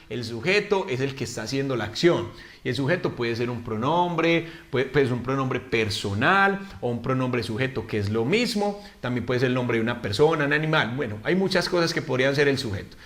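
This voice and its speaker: A man teaching an online English grammar lesson, who asks the viewers questions, answers them himself and says the English examples slowly. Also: a little high. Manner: lively, swings between Spanish explanations and slow, drawn-out English examples.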